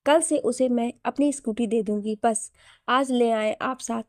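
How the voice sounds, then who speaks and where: A woman's voice: a little high, measured pace, no room sound, clean studio sound, close to an everyday voice. A woman voicing a young woman pleading with her brother.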